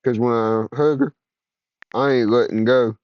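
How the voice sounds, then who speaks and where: A man's voice: medium pitch, fairly even intonation, a little slow, dry recording, dull audio. A man casually dictating notes in an offhand, self-correcting way. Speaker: user giving instructions. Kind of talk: casual spoken prompts.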